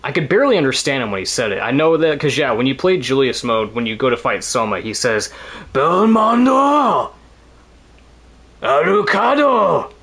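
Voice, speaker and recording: A man's voice: medium pitch, animated, quick pace, few pauses, fairly bright tone. A man streaming a video game, talking casually in a rambling way, swearing now and then and laughing often. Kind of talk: casual let's-play commentary.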